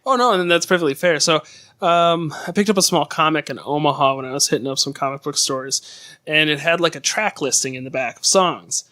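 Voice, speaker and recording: A man in his thirties, a comic book creator chatting as a guest in a relaxed, rambling way. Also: a little high, a little fast. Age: 30s. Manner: relaxed, rambling with fillers and acted-out quotes. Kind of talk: casual chat.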